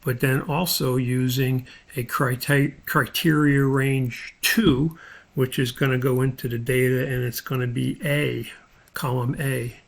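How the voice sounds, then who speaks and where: A man with a rough, husky voice at medium pitch talks through an unscripted spreadsheet tutorial as the instructor. He thinks out loud, moving haltingly from step to step, and his intonation stays fairly even.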